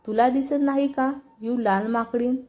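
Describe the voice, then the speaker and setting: The mocking, name-calling young rival from a storybook, as a woman narrator reads him. The voice is mellow and a touch raised, and it keeps taunting with a smug, quarrelsome edge. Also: fairly high pitch, steady tone, moderate pace, lightly acted.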